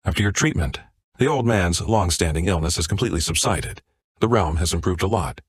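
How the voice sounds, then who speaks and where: A man's voice: low-pitched, expressive, brisk, breathy edge, no echo. A man voicing a grateful old male martial sect master with formal, deferential speech.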